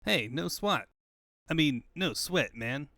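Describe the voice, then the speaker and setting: A man's voice: on the high side, lively intonation, slow pace, vocal fry, pushed and bright, no echo, clean studio sound, heavily acted. A man voicing a cocky, brave young hedgehog hero with breezy slang in a comic book fandub. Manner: breezy surfer-style slang.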